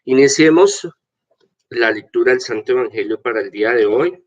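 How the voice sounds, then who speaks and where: An older man speaks as a senior priest addressing his flock and reading scripture. His voice sits at a middling pitch, and he moves along haltingly, stumbling and repeating words. The recording is dull and low in fidelity. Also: animated. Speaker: archbishop leading an online prayer and gospel reading. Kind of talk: informal greetings, preaching and scripture reading. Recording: dull, lo-fi sound.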